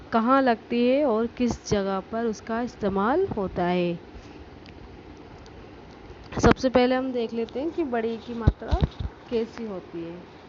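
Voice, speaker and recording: A woman teacher walks young pupils through a lesson at a very unhurried pace, breaking each word into its sounds. The recording is dull and lo-fi. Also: fairly high pitch. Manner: slow, patient, spelling out words sound by sound. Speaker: school teacher. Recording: dull lo-fi recording with faint noise.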